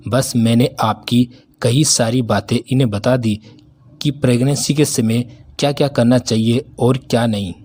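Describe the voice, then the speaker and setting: A calm, sly young daughter-in-law, as a male narrator voices her in a storybook reading. Her speech is polite and pointed, with a husky, breathy tone. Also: mid-range voice, unhurried, lightly acted.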